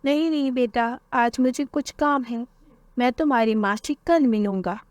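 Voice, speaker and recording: A woman's voice: fairly high pitch, moderate pace, a little mellow, dry recording, lightly acted. A woman doing a sly sweet-talking thief. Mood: coaxing. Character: sly smooth-talking male thief luring children.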